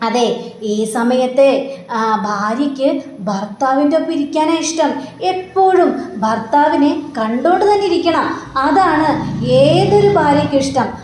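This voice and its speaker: A woman's voice: high voice, animated, measured pace, a little mellow. A woman retelling a TV serial episode in a chatty, loose way. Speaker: TV serial recap narrator. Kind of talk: casual story recap. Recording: roomy with faint background noise.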